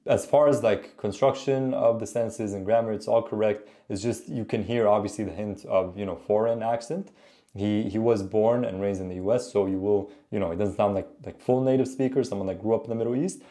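A man's voice: on the low side, steady tone, fairly quick, mellow. A man in his thirties giving casual reaction commentary and language tips in a conversational, explanatory way. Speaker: host, Arabic teacher. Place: small indoor room.

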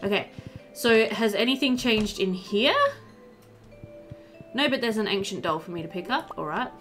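At a moderate pace and medium pitch, with a slightly bright tone, a woman in her thirties gives relaxed let's play commentary from home. She hosts gaming videos, and here she talks to the game characters and thinks aloud over game music.

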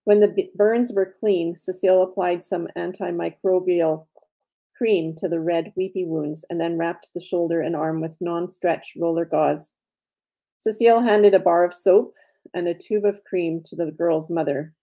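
A woman, an author, reading her own story aloud in a steady, measured way. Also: lowish voice.

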